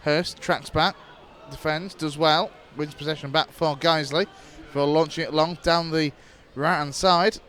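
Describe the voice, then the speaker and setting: A man giving live football commentary in a fairly high voice, narrating each pass and tackle at a brisk clip. His delivery stays even through build-up play and lifts into near-shouts at goalmouth action. He talks as an internet club radio commentator.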